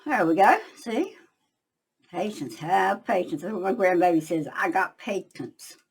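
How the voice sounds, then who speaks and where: An older woman, hosting a casual crafting tutorial from her craft shop, chatting to viewers as she works and going quiet while she concentrates. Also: medium pitch, lively intonation, unhurried, vocal fry, slightly rough, rough recording. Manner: chatty, talks to viewers while working, trails off when concentrating.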